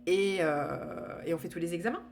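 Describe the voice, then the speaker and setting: A woman talks through a personal account in a candid, unpolished way, with many restarts and small fillers. Her voice sits on the lower side. A faint hum runs under the recording. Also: expressive, normal speed. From France. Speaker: storyteller sharing her cancer experience. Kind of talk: casual personal testimony.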